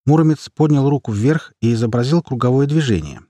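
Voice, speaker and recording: A man's voice: mid-range voice, a little fast, dark tone, no echo. A man narrating a fantasy action story in a vivid, dramatic audiobook style.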